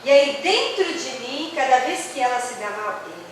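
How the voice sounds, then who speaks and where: A Brazilian woman with a São Paulo accent speaks at a community hall workshop for religious teachers, her voice sitting high with lively intonation at normal speed. She teaches conversationally, questioning the audience and acting out quoted voices. The very echoey hall is captured by a distant mic with faint noise.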